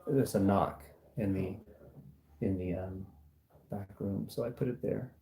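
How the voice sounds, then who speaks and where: A man's voice: lowish voice, unhurried, vocal fry, dark tone, roomy sound. A man on a ghost hunt, explaining his setup and calling out to spirits. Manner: calls out to spirits. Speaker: ghost hunter. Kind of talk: casual conversation.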